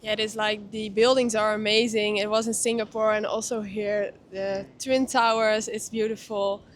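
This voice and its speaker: A woman's voice: mid-range voice, level tone, moderate pace, slight background noise. A woman from the Netherlands answering street interview questions in a cheerful, easygoing way.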